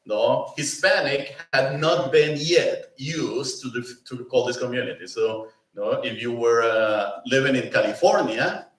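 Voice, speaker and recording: A man's voice: mid-range voice, a little slow, few pauses. A man giving a conversational lecture as a presenter at a pastoral institute, often asking the room "no?" and "you know?". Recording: roomy, mic at a distance.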